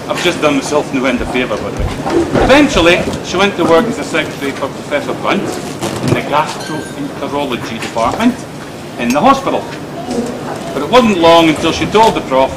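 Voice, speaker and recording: A middle-aged man giving a teasing, dryly humorous father-of-the-bride speech at a wedding reception. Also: on the high side. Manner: teasing, dry humour, anecdotal. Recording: loud crowd noise at a reception.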